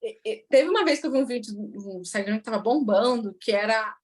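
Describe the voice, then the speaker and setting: A woman's voice: on the high side, expressive, a little fast, darkish tone. A woman hosting a casual interview, enthusiastically affirming her guest. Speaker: interview host.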